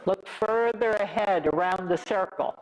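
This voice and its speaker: Riding instructor giving brisk, measured commands. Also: medium pitch, a faint crowd, rough recording. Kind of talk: live coaching during a riding lesson.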